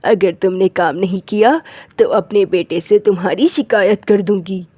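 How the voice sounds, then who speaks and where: A woman's voice: mid-range voice, steady tone, normal speed, warm tone, no echo, lightly acted. Woman doing a scheming cartoon mother-in-law. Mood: complaining.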